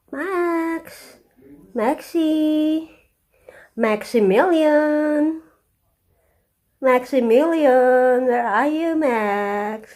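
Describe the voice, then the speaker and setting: A woman's voice: high-pitched, mellow. A woman talking to her pet dog in coaxing, sing-song baby talk, repeating its name over and over.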